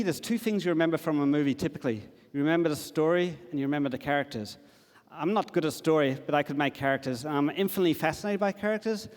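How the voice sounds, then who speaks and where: Man giving a stage talk. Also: fairly high pitch. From Australia. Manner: casual, enthusiastic, with frequent fillers. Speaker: conference speaker. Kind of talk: conference talk. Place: large conference hall. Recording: long hall reverb.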